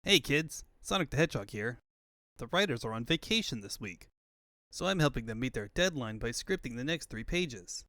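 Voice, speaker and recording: Man voicing cocky young hero hedgehog, animated. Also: mid-range voice, normal speed, no echo, studio quality. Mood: breezy. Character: cocky heroic young male cartoon hedgehog. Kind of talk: comic book fan dub.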